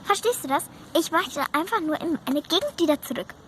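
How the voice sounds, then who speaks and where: A woman's voice: extremely high pitch, lively intonation, brisk, a little hiss or hum, voice pushed up. A woman voicing a sulky, homesick young horse who complains about hunger. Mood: complaining.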